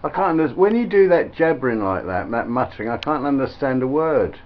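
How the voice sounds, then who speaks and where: Man at home, bantering with his pet, animated delivery, slightly dull recording. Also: medium pitch, brisk, a little hiss or hum. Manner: teasing, playful banter. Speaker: pet owner. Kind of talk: casual chat with a pet.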